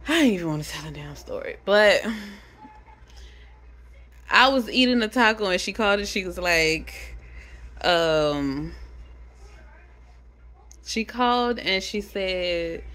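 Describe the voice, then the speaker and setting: A young adult woman vlogging, telling a casual story to camera, animated and chatty, swearing freely. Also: on the low side, measured pace, long pauses.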